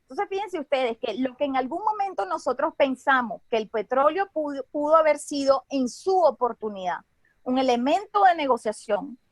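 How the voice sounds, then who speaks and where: High-voiced woman with a Venezuelan Caribbean accent. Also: lively intonation, normal speed, no room sound. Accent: Venezuelan Caribbean Spanish. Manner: didactic, checks in with short tag questions. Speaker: expert speaker on geopolitics. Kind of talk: explanatory talk, semi-formal.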